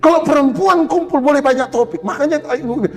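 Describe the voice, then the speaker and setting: A man's voice: very high-pitched, fairly quick, long reverb tail, faint music behind. A male pastor preaching a humorous sermon, joking and acting out little quoted exchanges. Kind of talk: humorous sermon to a women's gathering. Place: church hall.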